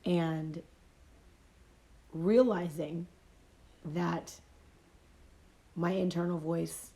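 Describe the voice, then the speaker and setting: Suffering from a cold that leaves her voice fading, a woman life coach livestreams a casual motivational talk from home on her phone. Her fairly low, dark voice holds a steady tone and draws out words as she reflects, repeating and rephrasing herself.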